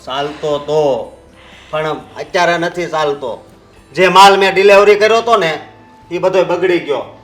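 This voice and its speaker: An actor playing a stressed son whose business is failing, in a short drama. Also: male voice, fairly high pitch, measured pace, pauses often, fairly bright tone. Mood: tense. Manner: tense, agitated.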